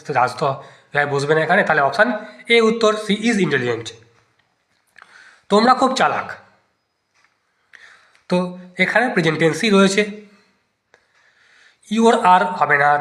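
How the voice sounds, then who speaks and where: A man's voice: on the high side, a bit bright. A man teaching an exam-prep lesson, thinking aloud as he tests each answer option in turn. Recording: echoey room.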